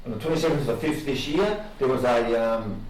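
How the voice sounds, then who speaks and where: Halting Australian policeman, echoey and distant. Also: medium pitch, a little mellow. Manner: halting, informal, loses his place. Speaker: police interviewer. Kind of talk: formal but halting questioning. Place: indoor interview room. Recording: echoey, distant mic, faint noise.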